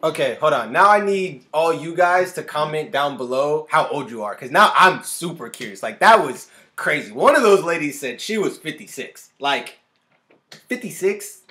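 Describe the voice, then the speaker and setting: A young man in his twenties hosting a music reaction video, excitable and often cutting himself off to react, recorded in a small room on a webcam. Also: fairly high pitch, moderate pace. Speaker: music reaction channel host. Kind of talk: casual reaction commentary. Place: small indoor room with a guitar on the wall.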